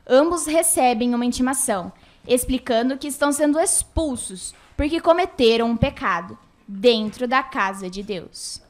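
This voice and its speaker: High-voiced woman narrating a radio soap.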